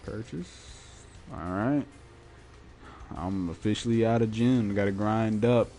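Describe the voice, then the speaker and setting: A man's voice: on the low side, unhurried, dark tone. A man hosting his own gaming podcast, talking informally and colloquially in casual solo commentary. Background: music.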